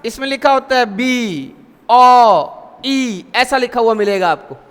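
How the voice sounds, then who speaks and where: A man's voice: extremely high pitch, slow pace, fairly bright tone, clear, resonant tone, big-room sound. A male teacher giving a classroom grammar lesson, asking students questions and repeating the answers.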